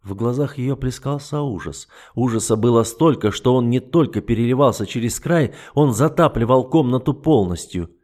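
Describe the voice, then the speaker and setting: A man reading first-person fantasy narration in a measured, even storytelling manner. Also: mid-range voice. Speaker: audiobook narrator.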